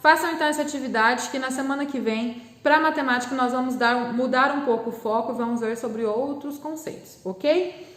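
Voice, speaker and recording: A Brazilian woman teaching a primary school class, patiently explaining and drawing out syllables slowly. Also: high voice, fairly bright tone, reverberant. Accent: Brazilian Portuguese. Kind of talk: recorded remote class lesson.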